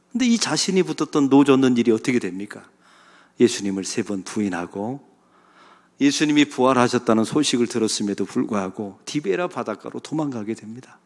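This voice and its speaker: Dramatic Korean pastor in a reverberant church. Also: male voice, medium pitch. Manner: dramatic, swinging from loud exclamations to hushed pleading. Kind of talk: sermon. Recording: long reverb of a church hall.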